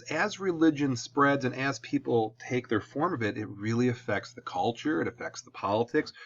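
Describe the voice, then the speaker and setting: Speaking with medium pitch and a Midwestern American accent, a man teaches history in a laid-back classroom-video manner, frequently asking "okay?". The recording has its high frequencies cut off.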